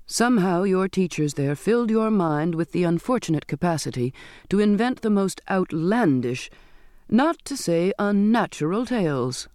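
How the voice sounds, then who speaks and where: A man's voice: sits high, lively intonation, moderate pace, a little mellow, no echo, studio quality. A man voicing a strict, cold Victorian father who gives formal commands in an audiobook. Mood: stern lecturing. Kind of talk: audiobook character voice.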